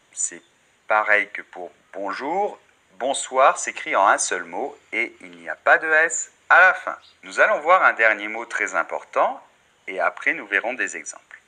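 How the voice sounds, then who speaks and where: Slow, patient male French teacher. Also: on the low side, bright, forceful tone. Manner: slow, patient, models each sound and word for the learner. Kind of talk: beginner language lesson.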